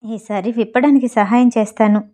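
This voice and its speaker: A woman's voice: a little high, fairly even intonation, fairly quick, mellow, natural voice. A woman voicing a young husband in an audio novel, reading his lines in a teasing, coaxing manner. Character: young husband, possessive and playful.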